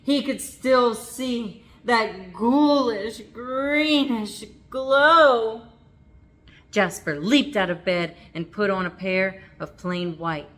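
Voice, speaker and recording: A woman reading a picture book aloud in a dramatic children's narration, expressive and stretching words for suspense. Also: a little high, extremely slow.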